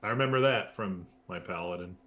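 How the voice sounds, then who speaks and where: A man's voice: deep voice, a little fast, fairly bright tone, a little hiss or hum. A man running a tabletop game as game master, explaining rules and narrating plainly.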